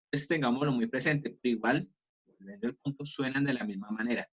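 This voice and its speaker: A male teacher with a Colombian Spanish accent, giving an online class lecture over a video call, stopping to spell out examples slowly. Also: mid-range voice, slightly rough, poor audio. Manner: explanatory, slows down to spell out examples.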